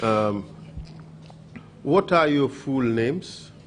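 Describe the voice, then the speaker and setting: Brief: man leading formal testimony, unhurried and procedural, faint noise behind. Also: mid-range voice, animated. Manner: slow, measured, procedural. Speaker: hearing panel questioner.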